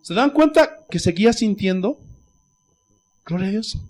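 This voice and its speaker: A male pastor from Bolivia preaching a sermon with fervor, swinging between loud outbursts and hushed asides, often repeating praise phrases. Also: sits high, animated, measured pace. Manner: fervent, rising to shouts and dropping to near-whispers; peppers speech with "gloria a Dios".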